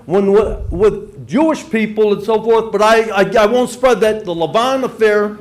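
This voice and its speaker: A man's voice: high voice, a little slow. A man in his seventies from Michigan, giving a rambling, insistent public comment at a city council meeting. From Dearborn, Michigan. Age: 70s. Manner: rambling, insistent, repeats "and so forth".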